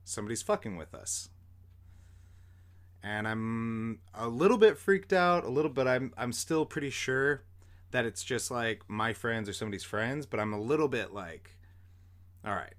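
A man's voice: medium pitch, lively intonation, moderate pace, fairly bright tone. A young man, a podcast host, telling a story in a rambling, casual way, full of fillers and the odd swear word.

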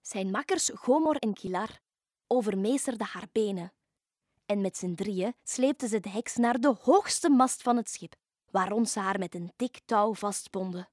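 A woman reading a children's story aloud in an expressive, lively way. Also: medium pitch, unhurried, no room sound, studio quality. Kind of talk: scripted storybook narration.

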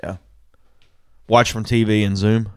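A man co-hosting a sports talk show, talking casually and haltingly, often repeating words as he thinks aloud. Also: fairly low pitch, flat delivery, a little mellow, clear, resonant tone, dry recording, clean studio sound. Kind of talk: casual sports radio chat. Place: radio studio.

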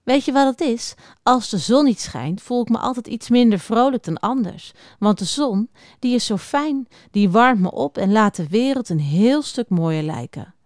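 A woman reads a picture book aloud to young children, talking straight to them. Her voice is fairly high and very lively in pitch. The sound is close and dry. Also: normal speed, no room sound. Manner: expressive, talks directly to children.

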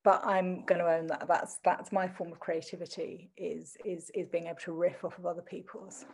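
Woman, middle-aged, slightly low voice. Standard English with a hint of Essex accent. Reflective, articulate, self-deprecating interview guest. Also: level tone, normal speed, darkish tone, slightly rough. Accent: English, adopted standard with traces of Essex. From Southend in Essex, England.

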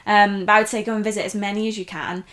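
A young British woman in easy, chatty conversation, laughing as she goes. She tells her story at length with plenty of fillers and asides. Her pitch sits in the middle of the usual range. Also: flat delivery, fast, fairly bright tone. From North West England. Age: young adult. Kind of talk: casual chat.

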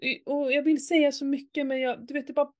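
A middle-aged woman in candid casual chat, telling an emotional personal story with lots of swearing and animated outbursts. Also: high-pitched.

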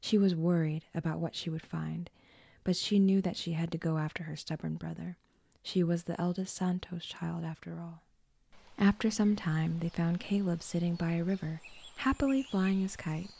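A woman narrating a scripted horror story in a hushed, often whispered delivery. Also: fairly low pitch, creaky.

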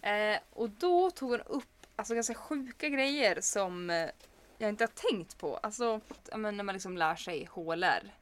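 A young woman chatting casually as a podcast co-host. She tells stories with energy and acts out every person in them. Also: medium pitch. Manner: animated storyteller who plays both sides of a scene.

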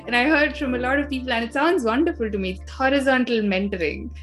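A woman's voice: high-pitched, quick pace, a bit bright, faint music behind. Upbeat young woman hosting an interview. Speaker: podcast host. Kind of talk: casual interview talk.

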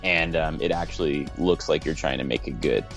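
Deep-voiced male co-host. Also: normal speed, soft background music. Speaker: podcast co-host. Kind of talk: casual podcast chat.

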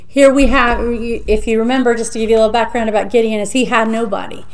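A woman's voice: on the high side, steady tone, quick pace. A woman teaching Bible study in a conversational, emphatic way, repeating key phrases for weight.

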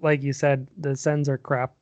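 A man chatting loosely as a podcast guest, hesitant and quick to laugh. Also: medium pitch, little pitch movement, darkish tone, no echo. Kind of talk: casual hockey chat.

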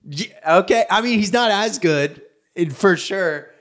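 A man co-hosting a sports podcast in a studio, joking around in a relaxed, casual way. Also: high-pitched, measured pace. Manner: joking, easygoing. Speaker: podcast co-host.

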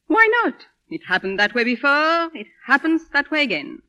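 A feisty young woman in an old Hollywood comedy manner. Her voice is high and bright, with big melodic swings. She is blunt, fussy and teasing in a theatrical way. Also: animated, moderate pace. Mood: gleeful, taunting.

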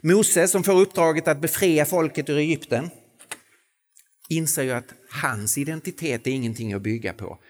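A man preaching a sermon, swinging between quiet reflective passages and slow, emphatic, rising phrases. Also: on the high side, a little hiss or hum. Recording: long hall reverb.

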